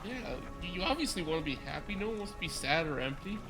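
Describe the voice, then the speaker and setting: Higher-pitched man chatting over music. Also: animated, fast. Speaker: guest on game stream. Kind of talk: casual chat.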